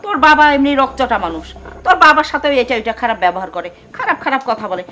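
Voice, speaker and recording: A woman's voice: high voice, expressive, fast talker, sharp tone, slight background noise. A woman with a rural Pabna Bengali accent playing a lecturing, indignant mother-in-law. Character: scolding middle-aged mother-in-law.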